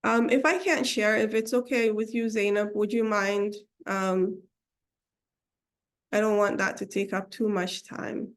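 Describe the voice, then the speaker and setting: Getting over a cold, this woman presents an online webinar to her community over a video call. She's from Seattle, United States, and Somali is her first language. Her mid-range voice is steady and unhurried, though she hesitates, with many ums and mid-phrase restarts.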